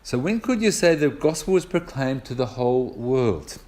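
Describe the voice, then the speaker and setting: A man's voice: mid-range voice, sing-song, moderate pace, a little mellow. Older Australian man preaching conversationally. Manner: conversational, explains step by step with personal anecdotes. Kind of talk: sermon teaching on scripture.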